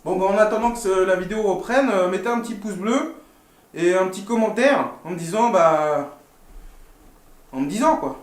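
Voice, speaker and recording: A man's voice: high voice, expressive, normal speed. A man hosting a casual unboxing video, talking in a chatty, playful way with lots of fillers and asides. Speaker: retro game collector and video host. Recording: roomy echo with faint music.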